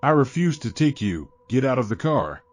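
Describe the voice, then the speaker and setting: A man's voice: medium pitch, very animated, moderate pace. A man voicing a young woman driver in a scary story, frightened and indignant. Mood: scared, indignant.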